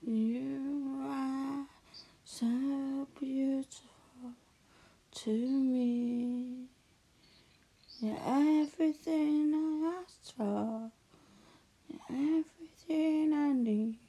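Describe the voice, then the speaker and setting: A woman speaking softly and soothingly in an ASMR caregiver roleplay, slipping into hushed whispers. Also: high voice. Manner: soft, soothing, slow and hushed, often drifting into whispers.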